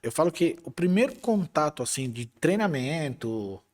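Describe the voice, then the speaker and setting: A man with a Brazilian Portuguese accent, an IT manager interviewed as a guest, telling stories in a relaxed way with some hesitant restarts. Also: fairly high pitch, normal speed. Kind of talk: conversational interview.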